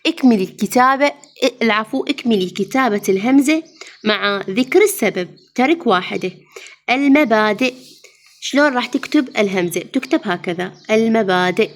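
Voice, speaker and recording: A woman teacher with an Iraqi Arabic accent reviews exam answers in a somewhat high voice. She moves through each item patiently, asks her students questions and then answers them herself. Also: expressive, fairly quick. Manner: addresses students fondly as "mama".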